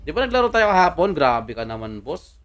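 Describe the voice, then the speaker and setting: Casual gamer dude on a livestream, sharp bright voice, chatty and teasing the other player. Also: male voice, on the high side, fairly quick, soft background music. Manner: excitable, chatty, teasing the opponent. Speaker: mobile game livestreamer. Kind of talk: casual live game commentary.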